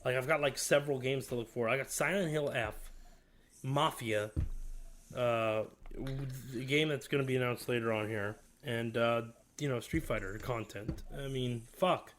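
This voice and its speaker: A male host riffing through a games showcase in a loose, casual chat. He swears freely and sounds fed up, with his pitch sitting in an ordinary middle range. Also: moderate pace, fairly bright tone, slight background noise. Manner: profane, exasperated ranting.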